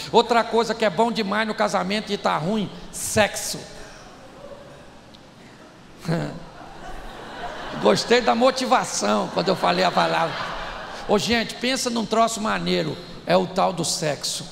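In a big, echoing hall with faint noise beneath, a preacher with a high and heavily gravelly voice jokes his way through a sermon. He's animated and addresses the live crowd directly, keeping the preaching funny.

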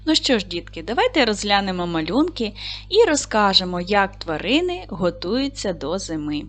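A woman's voice: mid-range voice, big pitch swings, moderate pace. A woman teacher giving a lesson to second graders, talking patiently and addressing the children directly. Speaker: primary school teacher.

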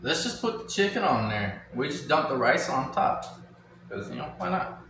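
A man in his forties cooks in a home kitchen and mutters dry, crude jokes under his breath. He is picked up by a camera across the room, so his voice booms with echo. A steady hum of noise sits behind him. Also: moderate pace. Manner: wry, crude, mumbling to himself while cooking. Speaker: cooking vlog host. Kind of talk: casual joking cooking commentary. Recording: echoey kitchen with background noise.

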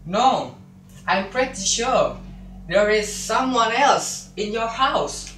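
A woman's voice: a little high, lively intonation, takes it slowly, fairly bright tone, slight background noise. A young woman playing a lovestruck young male prince in an amateur school drama, reading her lines in an earnest, stiff way. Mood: searching. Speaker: student actor. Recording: echoey room on a phone.

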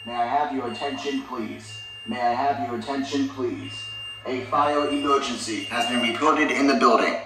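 A recorded announcer giving a formal, measured evacuation order as a calm fire alarm voice. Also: mid-range voice, heavy reverb, distant mic, natural voice, rough recording.

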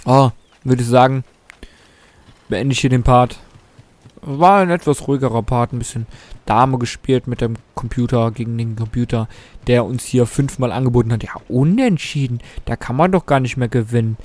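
A young man casually commenting on his gameplay, excitable, taunting and swearing at the game's characters. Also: medium pitch, normal speed, no echo. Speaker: let's play host.

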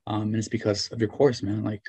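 A man's voice: fairly low pitch, flat delivery, a little fast, warm tone, breathy edge, no room sound. A young man in his twenties, a guest on a video call interview, talking earnestly with lots of "you know" and "right". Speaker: interview guest, former student. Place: small room at home. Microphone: webcam or laptop mic on video call.

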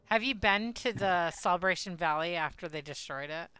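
A woman live-streams a game and chats in a rambling, giggly way, sounding sleepy. Her voice is bright and smooth, and it sits a little low. Faint game music plays underneath. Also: moderate pace, no echo. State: sleepy, yawning. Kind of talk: casual live-stream chat while gaming.

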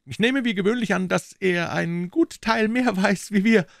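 A man voicing an eager, boastful male Scotland Yard detective in a much higher, louder voice. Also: normal speed, vocal fry, no echo, clean studio sound. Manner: eager, boastful, high and loud.

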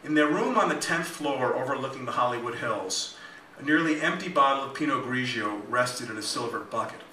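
Man giving a dry, bright-toned live reading. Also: mid-range voice, a little fast, slight background noise. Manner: dry, deadpan asides. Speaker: author reading his novel. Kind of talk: live comic fiction reading. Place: small music club. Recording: echoey club, mic at a distance.

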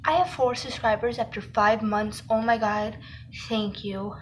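A woman's voice: on the high side, fairly even intonation, a little slow, a little hiss or hum, rough recording. A woman vlogging in a rambling, giggly way, chatting casually to camera and correcting herself as she goes.

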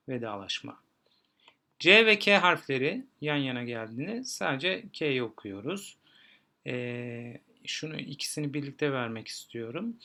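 A male teacher patiently explaining pronunciation rules to learners, spelling out letters and repeating example words slowly. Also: mid-range voice, pushed and bright. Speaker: German teacher.

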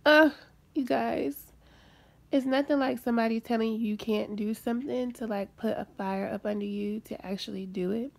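A woman's voice: on the high side, fairly even intonation, normal speed, vocal fry, dark tone. A woman in her late twenties chatting casually in a vlog, sassy and talkative, calling viewers honey, with a stuffy nasal voice. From United States. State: nasal congestion. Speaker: vlogger. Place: at home.

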